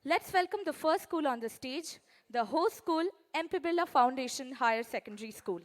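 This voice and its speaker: Indian lady emceeing an event, formal script, very animated voice, big echoey hall. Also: high voice, normal speed. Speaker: event host, announcer. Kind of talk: formal scripted stage introduction. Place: large hall, on stage. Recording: long hall reverb.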